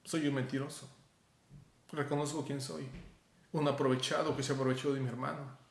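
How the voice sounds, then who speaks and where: A man with a Mexican Spanish accent voicing a humbled biblical man, confessing his guilt in a quiet, subdued way. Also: medium pitch, level tone, brisk, creaky, lightly acted. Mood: contrite. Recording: roomy echo.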